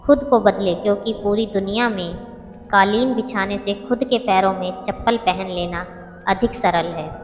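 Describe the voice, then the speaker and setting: A woman reading short motivational sayings as scripted narration, in a measured, reflective way. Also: medium pitch. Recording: long reverb with background music.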